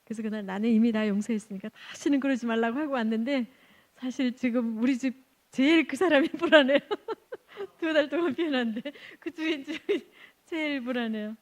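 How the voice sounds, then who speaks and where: A woman missionary giving an animated testimony at a church service, laughing often and acting out the people in her stories. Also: sits high, fairly quick. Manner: animated, laughs often, acts out quoted exchanges. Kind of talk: lively storytelling testimony.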